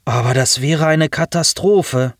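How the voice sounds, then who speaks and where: A man's voice: a little high, a little slow, dry recording, clean studio sound, pitched above the performer's own voice, close to an everyday voice. A man voicing a caring young man who murmurs earnest, devout lines.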